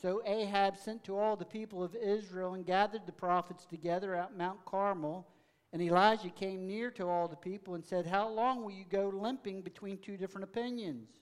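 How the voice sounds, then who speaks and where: Male preacher, high voice, scripture reading into a pulpit mic. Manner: reads with rising, forceful emphasis. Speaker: pastor. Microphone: mic checked aloud.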